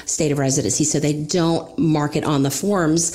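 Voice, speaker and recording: A middle-aged woman speaks as an advisor in a loose, explanatory, conversational style. Her voice is fairly low and notably soft-edged and mellow. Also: fairly even intonation, normal speed. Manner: informal, explanatory, often says "you know". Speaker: financial advisor guest on a radio show. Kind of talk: conversational financial advice talk.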